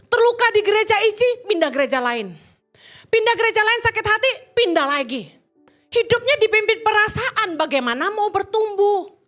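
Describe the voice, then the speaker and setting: A woman pastor preaching in church with a very high, bright voice. She jokes and fires questions at the congregation, tossing in English phrases, while soft music plays faintly underneath. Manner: lively, joking, quizzes the congregation. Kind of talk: sermon.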